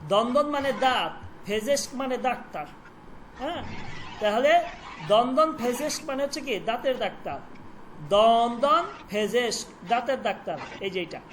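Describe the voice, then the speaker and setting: A Persian teacher who repeats words slowly for pronunciation and quizzes the students. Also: mid-range voice, lively intonation, a bit bright, a little hiss or hum, low-quality recording. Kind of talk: online language lesson.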